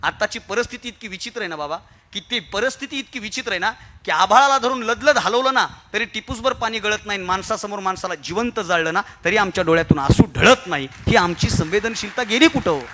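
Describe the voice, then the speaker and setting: High bright-voiced Marathi preacher. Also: male voice, lively intonation, a little fast. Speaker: kirtan speaker. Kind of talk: humorous motivational speech to an audience.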